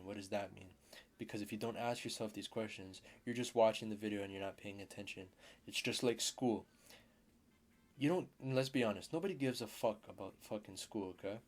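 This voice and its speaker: A man's voice: fairly low pitch, fairly quick. A man teaching a casual trading lesson as a mentor, blunt, swearing now and then and repeating key terms.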